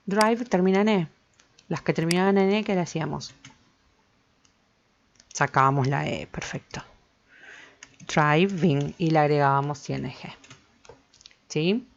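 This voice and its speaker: Patient low-voiced woman teaching grammar. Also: vocal fry. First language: Spanish. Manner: patient, repeats each step, asks "¿sí?" to check understanding. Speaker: English teacher. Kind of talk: explaining grammar to students. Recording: dull lo-fi with faint noise.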